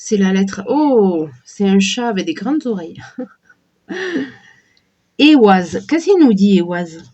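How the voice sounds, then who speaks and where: A woman with a cold and a sore throat, slowly and hesitantly chatting while showing a deck of oracle cards. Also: medium pitch, sing-song, warm tone, highs cut off. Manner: slow, hesitant, many fillers and restarts. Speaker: tarot and oracle card reviewer. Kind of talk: casual unboxing chat.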